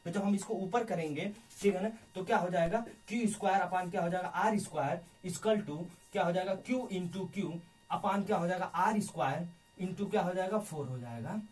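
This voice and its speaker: A man's voice: sits high, normal speed, far from the mic. A male teacher explaining a physics problem at the board, constantly asking rhetorical questions and checking in with his students. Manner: keeps asking rhetorical questions and adding "ठीक है ना". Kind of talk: physics lesson worked on a board.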